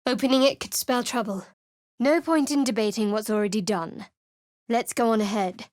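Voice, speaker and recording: In a natural, echo-free recording, a woman with a voice on the high side and a darkish tone voices a guarded, sardonic young cleric adventurer in a video game. At a moderate pace she delivers dry, cutting wit with cool reserve and a wry mood.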